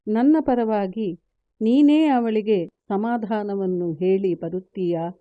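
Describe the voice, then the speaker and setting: A woman's voice: medium pitch, takes it slowly, no room sound, narrow, tinny audio, natural voice. A woman voicing a confident male warrior prince from an epic, speaking earnestly.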